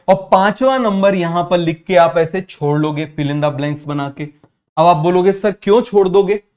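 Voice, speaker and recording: Man, high voice, young teacher, keeps checking students follow. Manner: keeps asking students if it is clear. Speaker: biology teacher. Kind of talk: online exam-prep class.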